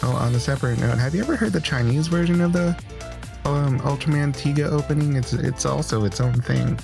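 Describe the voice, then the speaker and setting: A man hosts a casual reaction video in a middling voice with some fry in it. His delivery is joking and full of wisecracks, and soft music plays underneath. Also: mid-range voice, fairly quick. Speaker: reactor, online video host.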